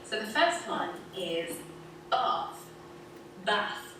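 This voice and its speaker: A woman with a standard southern British accent hosts a pronunciation lesson video as an English teacher, explaining with cheerful laughs. Her voice is medium in pitch with big pitch swings, and she speaks extremely slowly. The echoey video plays in a room and is heard from a distance, with noise.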